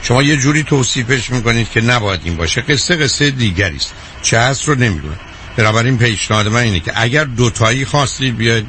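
A man hosting a call-in advice show on the radio, talking to callers frankly, calmly and directly. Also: on the low side, a little hiss or hum.

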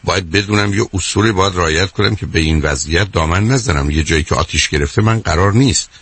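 A man's voice: deep voice, fairly bright tone, slightly rough. A man hosting a radio call-in as a psychologist, interrupting insistently and repeating "my dear" and "wait".

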